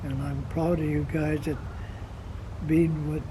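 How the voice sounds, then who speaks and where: Very old American grandfather, nineties, reminiscing haltingly at a very slow pace, with clear background noise. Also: a little high, flat delivery. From Montana, United States. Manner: halting, slow, repeats words while searching for them. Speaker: grandfather being interviewed. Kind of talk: reminiscing, casual conversation. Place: outdoors in the sun.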